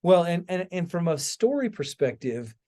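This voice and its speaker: Very animated and dark in tone, this man's high-sitting voice runs at normal speed. He's a podcast host and author in a casual conversation, spinning stories with emphatic asides and frequent check-ins with the listener.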